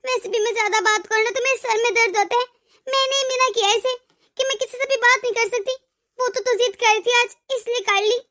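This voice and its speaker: A woman's voice: very high-pitched, fairly even intonation, brisk, bright, forceful tone. A woman voicing a tired, ailing older mother in a cartoon story, hesitant and stammering as she talks.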